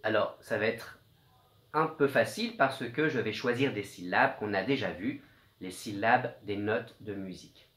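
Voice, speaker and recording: A man teaching young children a spelling dictation, speaking gently and encouragingly and sounding out letters slowly. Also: on the low side, reverberant. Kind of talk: slow, patient dictation lesson for young children.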